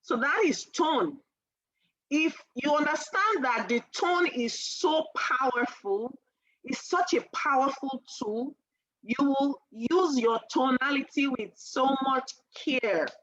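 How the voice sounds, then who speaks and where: A woman teaching a sales class in a chatty, animated way, often asking her listeners questions. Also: high-pitched, takes it slowly, no room sound, lo-fi sound. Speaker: sales trainer.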